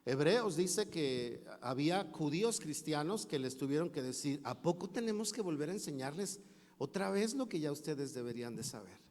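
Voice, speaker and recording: A man's voice: on the high side, animated, moderate pace, darkish tone. A male pastor preaching a sermon, telling a story with acted voices and asides to the congregation. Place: church sanctuary. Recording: long church hall reverb.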